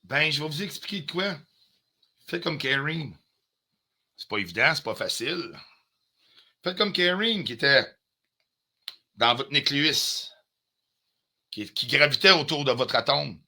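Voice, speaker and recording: A man's voice: on the high side, lively intonation, a little slow, pauses often, pushed and bright. A man with a Quebec French accent ranting on a live stream, confrontational and heated, swearing often and dropping in English phrases. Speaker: livestreamer.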